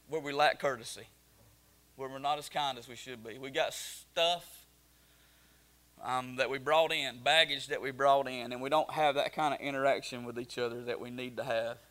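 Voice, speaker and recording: A man's voice: fairly high pitch, fairly bright tone. A middle-aged man preaching a sermon in a folksy storytelling way, full of fillers and restarts. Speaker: pastor.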